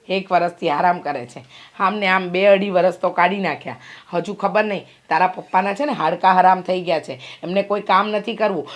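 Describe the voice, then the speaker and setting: A fretful middle-aged mother, played by a woman, fussing and complaining in a mid-pitched voice. She nags her grown daughter and grumbles about her idle husband, in a short film drama. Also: close to an everyday voice. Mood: bitter.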